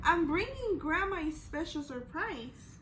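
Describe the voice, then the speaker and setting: A woman's voice: very high voice, sing-song, a little slow, roomy sound, background noise, heavily acted. A woman voicing a sweet, trusting little girl in a storybook, with a careful, wondering manner. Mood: cheerful.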